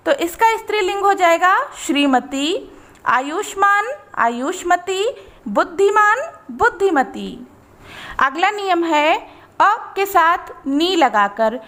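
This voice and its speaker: Very high-voiced woman teaching slowly. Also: fairly bright tone. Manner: reads word pairs in a measured list, explaining each rule. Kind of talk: slow, deliberate grammar lesson.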